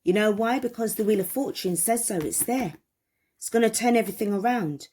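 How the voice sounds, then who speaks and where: A woman's voice: mid-range voice, a little fast, mellow, a little hiss or hum. A woman giving a tarot reading, talking emphatically, repeating phrases and asking viewers questions. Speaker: tarot reader.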